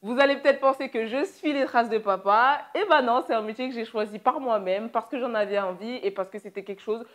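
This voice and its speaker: A young woman from France co-hosting a casual question-and-answer chat with her father, leading the questions in a lively way. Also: on the high side, a little fast, hardly any pauses. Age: young adult. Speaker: co-host.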